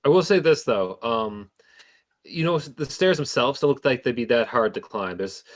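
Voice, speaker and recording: A man narrating a tabletop game as game master in an informal, halting storytelling way. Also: mid-range voice, lively intonation.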